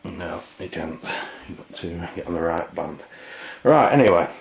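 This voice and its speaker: This product reviewer speaks in a low, gravelly voice that's animated yet halting and hesitant, giving an unscripted, casual take. It's captured with flat, lo-fi sound typical of an amateur video.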